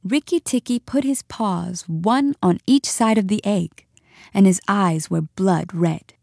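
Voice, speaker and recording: A woman narrating a storybook in an expressive, measured reading. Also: mid-range voice, creaky, no echo, studio quality.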